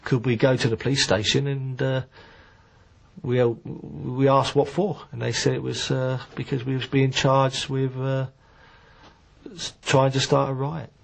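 A man's voice: mid-range voice, little pitch movement, a little slow, vocal fry. A man, a former footballer, recalling events in an interview, hesitant and casual with many fillers. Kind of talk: interview recollection.

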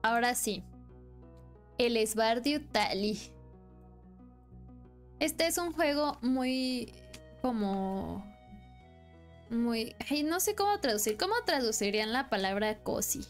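Slow and full of pauses, this young woman's expressive, highish voice carries a Mexican accent as she streams a game. She chats casually, rambles, and laughs frequently, with faint music in the background.

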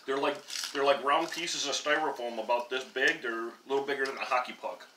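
A man's voice: mid-range voice, a little fast. Man talking with a full mouth. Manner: easygoing, chatty explaining. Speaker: mukbang host. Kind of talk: casual eating chat. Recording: echoey room with background noise.

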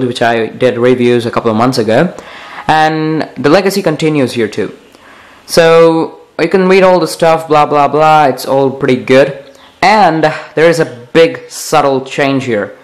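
A young man hosting a casual tech vlog, talking in a halting, rambling way with stretched pauses. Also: medium pitch. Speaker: tech video host. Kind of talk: casual phone software overview vlog.

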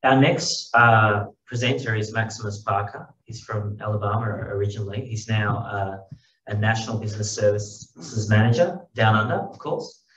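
A man's voice: lowish voice, normal speed, fairly bright tone, a little hiss or hum. A man moderating a conference panel, introducing the next speaker. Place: conference hall. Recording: echoey hall, distant mic, dull sound.

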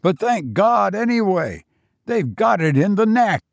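A man's voice: sits high, sing-song, unhurried, creaky, no room sound, studio quality, voice pushed up, exaggerated voice. A man playing a curt, skeptical British soldier. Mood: gruff. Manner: snapping, dismissive shouts.

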